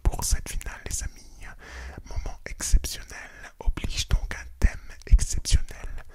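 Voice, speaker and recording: A man hosting an ASMR channel, whispering throughout in an unhurried way, repeating phrases and often calling his listeners friends. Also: mellow. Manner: unhurried, repeats phrases, some small restarts.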